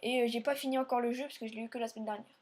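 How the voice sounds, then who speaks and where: A woman's voice: a little high, steady tone, rapid-fire, darkish tone, slight background noise. Meandering woman narrating her gameplay. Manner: meandering, filler-heavy narration while playing; speaks directly to viewers. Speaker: let's play host. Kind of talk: let's play commentary.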